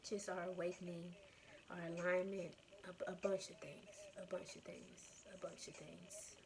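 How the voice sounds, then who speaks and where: Creaky-voiced woman musing in a flat tone. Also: lowish voice, a little hiss or hum, low-quality recording. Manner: earnest, repetitive, meandering with trailing phrases. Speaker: spiritual self-love podcast or vlog host. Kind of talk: casual reflective monologue to followers.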